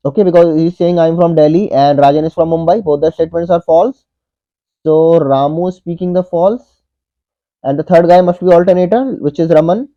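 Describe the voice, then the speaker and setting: Male tutor, 30s, slightly high voice, methodical step-by-step walkthrough, dull lo-fi webcam audio. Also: brisk. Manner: methodical, repeats each step and says "okay" often. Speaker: online tutor. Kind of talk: whiteboard puzzle walkthrough.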